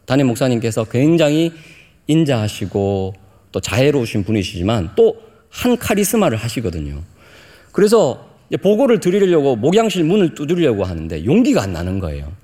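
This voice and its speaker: A middle-aged man preaching a sermon as pastor, with emphatic high-pitched peaks. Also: very animated, fairly quick, mellow, long reverb tail.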